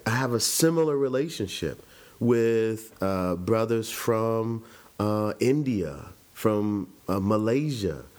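Low-voiced man recalling his life. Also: animated, slow, darkish tone. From Chicago. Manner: reflective, conversational, with frequent restarts. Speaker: interviewee. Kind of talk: personal life-story interview.

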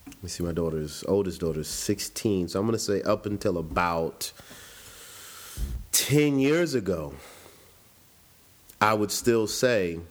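A man's voice: low voice, measured pace, long pauses. A man in his forties from Chicago, reflectively telling his life story in an interview. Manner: reflective, conversational, with frequent restarts.

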